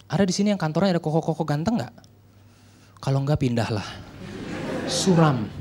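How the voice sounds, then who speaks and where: A man's voice: on the high side, animated, fairly quick, darkish tone. A male preacher telling a story in a sermon, conversational and joking, acting out the people in it.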